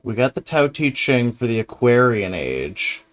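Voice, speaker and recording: A man hosts in a loose, casual way, thinking out loud. He talks slowly, in a hesitant mutter, and swears freely. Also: mid-range voice, big pitch swings. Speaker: livestream host reacting to videos. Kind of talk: casual chat, thinking aloud.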